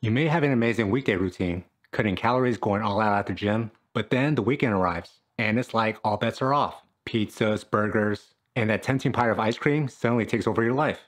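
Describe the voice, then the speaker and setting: A man's voice: on the low side, fairly quick, few pauses. Upbeat man coaching fitness to camera. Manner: upbeat, jokey, punchy. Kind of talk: scripted talk to camera. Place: small room at home, indoors.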